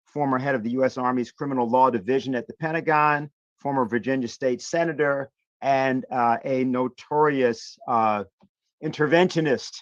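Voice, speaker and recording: A man moderating a panel, giving polite, brisk introductions. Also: medium pitch, dry recording. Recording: dry dull lo-fi sound.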